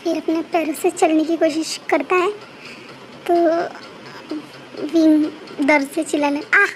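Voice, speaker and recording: A woman narrating her own fan fiction in a casual, unpolished way, often stopping to restart a phrase. Her voice is very high, and a faint hiss sits under the recording. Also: fairly even intonation, a little mellow, rough recording. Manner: halting, repeats and corrects herself. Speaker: storyteller. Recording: faint background noise.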